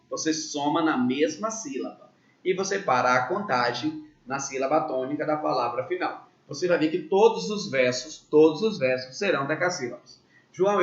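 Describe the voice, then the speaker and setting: A man with a Brazilian accent teaching literature to a pre-university prep class, explaining step by step and tagging his points with quick checks to the students. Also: on the high side. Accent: Brazilian Portuguese. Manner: explains step by step, tags lines with "tá?" and "né?". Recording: roomy, dull lo-fi sound.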